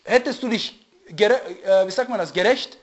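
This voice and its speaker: In a dull lo-fi recording, a man with a high-pitched voice delivers a religious lecture as a teacher. He keeps pausing to find German words and repeatedly asks whether listeners are with him.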